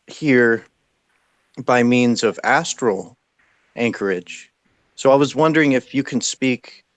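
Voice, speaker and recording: A man's voice: medium pitch, smooth, no echo. A man interviewing in a spiritual session, asking reverent questions in a hesitant, deferential way.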